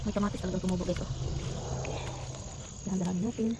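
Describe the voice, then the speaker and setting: A woman's voice: on the low side, fairly even intonation, fast, very noisy. A woman with a Bisaya accent, chatting casually to her viewers while she harvests in her garden and works around her house, mixing in English words. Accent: Filipino, Bisaya. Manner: chatty, addresses viewers as guys, mixes in English. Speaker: vlogger.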